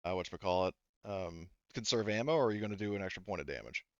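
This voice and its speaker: A man acting as game master for an online tabletop roleplaying game thinks aloud haltingly as he works through the rules. His voice is low and animated, captured in a dry recording with the highs cut off.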